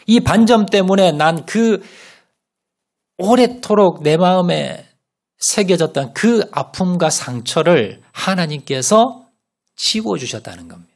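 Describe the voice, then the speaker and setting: A man preaching a sermon as pastor, telling a story with rhetorical questions and sudden loud rises and soft drops. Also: sits high, expressive, takes it slowly. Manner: asks the congregation rhetorical questions.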